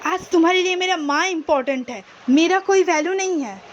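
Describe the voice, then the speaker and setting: A woman's voice: extremely high pitch, a little fast, highs cut off, slight background noise. A woman voicing an angry, curt young man in a fan-fiction story retelling. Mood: cold.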